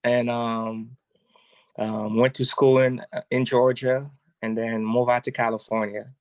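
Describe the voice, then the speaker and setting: A man's voice: mid-range voice, little pitch movement, a little slow, dry recording, poor audio. A man from Haiti, an educator being interviewed, who talks hesitantly with many ums.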